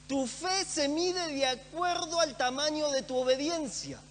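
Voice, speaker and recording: High-voiced preacher in an echoey hall. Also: male voice, animated, measured pace, fairly bright tone. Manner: earnest, emphatic, repeats phrases for stress. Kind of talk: sermon. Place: church hall. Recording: echoey church hall with faint hum.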